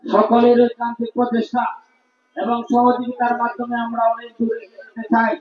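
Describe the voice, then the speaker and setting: A man's voice: extremely high pitch, monotone, a little fast, far from the mic. A man with a Bangladeshi accent making formal announcements at a sports tournament. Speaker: event announcer and commentator. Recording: echoey, dull public address sound.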